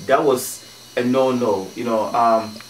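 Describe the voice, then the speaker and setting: A man from Ghana, a guest on a radio show, telling stories in a relaxed way with many fillers and restarts. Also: mid-range voice, takes it slowly, echoey room, recorded from a distance, slight background noise, rough recording. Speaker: guest, community organizer. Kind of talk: casual radio interview. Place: radio studio.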